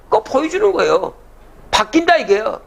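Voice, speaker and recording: A man's voice: very high voice, big pitch swings, normal speed, gravelly, a bit bright. An older man giving a public lecture, reciting old verses and then explaining them, often asking the audience rhetorical questions.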